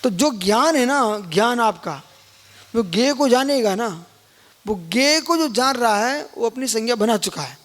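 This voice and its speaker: A man's voice: extremely high pitch, animated, moderate pace, fairly bright tone. A man, a Jain monk, giving a live scripture lecture and keep prodding listeners with questions. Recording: long hall reverb.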